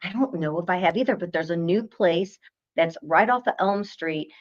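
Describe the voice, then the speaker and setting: A talkative woman co-hosting a local TV show, swapping stories and laughing easily. Her voice sits a little low, and the sound is dull and lo-fi. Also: normal speed. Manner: chatty, animated storyteller who laughs often. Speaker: co-host. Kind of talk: casual chat.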